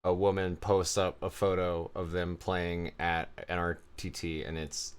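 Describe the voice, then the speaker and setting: A man's voice: deep voice, little pitch movement, a little slow, clean tone. A man hosting a casual interview over a video call, chatty and rambling, laughing often. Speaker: podcast host.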